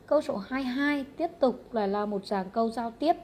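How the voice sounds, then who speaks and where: Brisk Vietnamese woman teaching English. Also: fairly high pitch, a little mellow, a little hiss or hum. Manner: brisk, matter-of-fact, repeats question numbers. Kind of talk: going through exam answers.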